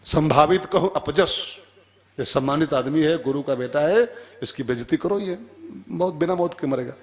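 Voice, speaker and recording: A man voicing a calm, wise male god who gives measured instruction and chants verses. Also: fairly high pitch, lightly acted. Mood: solemn instruction.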